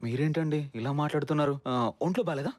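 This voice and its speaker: A man's voice: on the high side, quick pace, noisy background, close to an everyday voice. A man playing a puzzled young man. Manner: puzzled, questioning.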